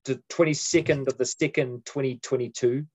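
A man co-hosting a podcast, chatting in a relaxed, enthusiastic way and swearing casually. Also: mid-range voice, normal speed, slightly rough. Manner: laid-back, sweary, enthusiastic. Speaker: podcast co-host. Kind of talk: casual chat. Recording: slightly dull sound.

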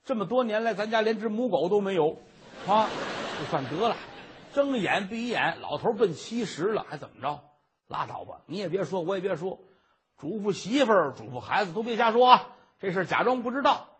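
A man's voice: high-pitched, animated, a little fast, fairly bright tone, slight background noise. A male storyteller playing a grown son who grumbles about his old father's affair. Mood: resigned.

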